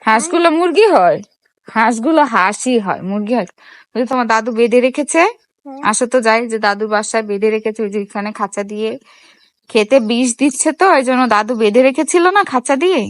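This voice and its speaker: A woman talks gently to her toddler, coaxing and asking little questions as she films. Her voice sits high, and it sounds close and dry, with no room echo. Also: animated, quick pace. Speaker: mother filming her toddler. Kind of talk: casual vlog talk to a small child.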